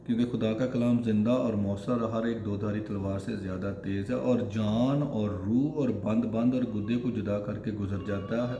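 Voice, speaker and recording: Mellow-voiced man preaching in an echoey room. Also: lowish voice. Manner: explains patiently, repeats key words, mixes in English terms. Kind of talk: sermon with scripture reading. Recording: echoey room with faint noise.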